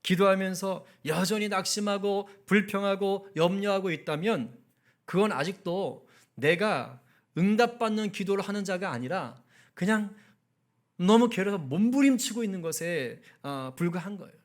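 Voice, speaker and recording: A man's voice: sits high, animated, normal speed. A male pastor giving a conversational sermon at a prayer meeting, asking the congregation questions and acting out angry outbursts. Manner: acts out angry outbursts in quoted speech.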